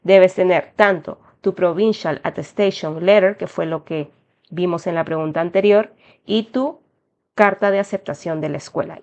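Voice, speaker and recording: A young adult Peruvian woman with a medium-pitched, somewhat dark voice and a Peruvian Spanish accent hosts an immigration tutorial. She narrates step by step through an application form in a friendly, explanatory way, calling her viewers "chicos." The audio is lo-fi and slightly dull.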